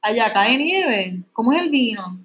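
A woman's voice: a little high, very animated, measured pace, a bit bright. A woman voicing a frightened comic male servant who pleads and rambles nervously in a slightly raised voice. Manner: whiny, pleading, rambling questions.

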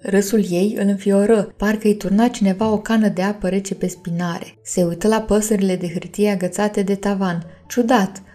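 With a gentle, mellow, dark-toned voice in the mid range, a woman reads a bedtime story steadily and warmly, calling her listeners "dears." Faint music plays in the background.

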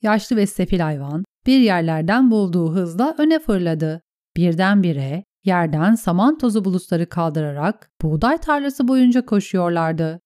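Brief: woman audiobook narrator, mellow dark tone, dry close sound, steady. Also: lowish voice, unhurried, no room sound. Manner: steady storytelling.

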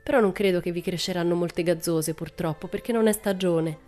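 A woman voicing a bold, cheerful young girl in a storybook reading, speaking briskly with a raised voice. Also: lowish voice, darkish tone, faint music behind, close to an everyday voice. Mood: tender.

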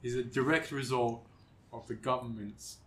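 A young man hosting a podcast, rambling and swearing through casual chat in an excitable way. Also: medium pitch, normal speed. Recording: echoey room with faint ambient noise.

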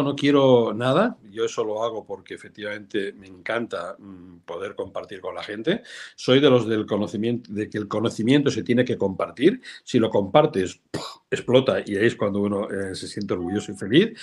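Older man, low-voiced, animated anecdote teller in a live interview. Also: normal speed, slightly rough. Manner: animated storyteller, acts out quoted voices. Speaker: real estate professional, guest. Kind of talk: casual live interview chat.

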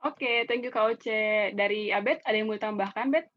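A woman's voice: medium pitch, normal speed. A young woman hosting a talk show, reading questions and passing them to guests in an upbeat, casual way. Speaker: host. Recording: dull lo-fi sound.

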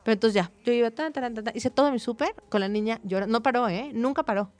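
A woman in her thirties or forties with a Mexican accent, a psychologist, telling a personal anecdote in lively conversation. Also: on the high side, fast talker. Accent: Mexican Spanish. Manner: animated, tells anecdotes with quoted dialogue. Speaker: psychologist, guest or co-host. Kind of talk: casual conversational storytelling.

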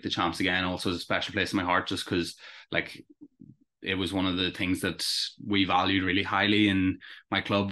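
Being interviewed as a rower, a young Irishman chats casually and keenly. He has a deep voice with a bright, forceful tone.

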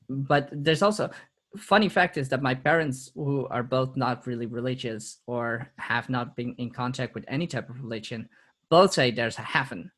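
A man's voice: medium pitch, a bit bright. A man talking as a podcast guest in casual interview chat, reflective, laughing often and repeating words as he restarts.

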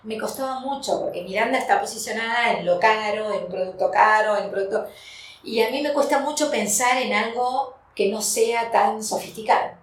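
A woman's voice: a little high, normal speed, recorded from a distance. Laughing Argentine woman in an echoey room. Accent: Rioplatense Argentine Spanish. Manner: animated storyteller, laughs often. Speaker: guest, food business owner. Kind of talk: casual podcast interview.

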